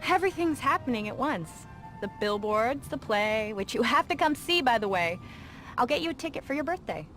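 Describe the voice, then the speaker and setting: A woman's voice: on the high side, lively intonation, fairly quick, a bit bright, soft background music. A woman playing a bubbly, teasing young girl next door in a game cutscene. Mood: bright, teasing. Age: young adult. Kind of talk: scripted game cutscene dialogue.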